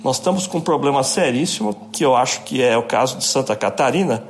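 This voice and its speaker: Measured man explaining as an expert. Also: mid-range voice, expressive, a little hiss or hum. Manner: measured, explanatory, with thinking fillers. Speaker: epidemiologist guest. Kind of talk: expert interview answers.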